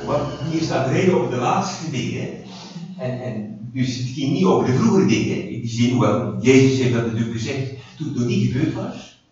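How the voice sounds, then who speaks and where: A man preaching to a small group, his lively voice rising and falling as he restarts his sentences and asks questions. He is heard from across an echoey hall on a distant, dull-sounding mic with a faint hiss behind him. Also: medium pitch, normal speed. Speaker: preacher leading a Bible study. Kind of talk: informal Bible teaching with questions to the group.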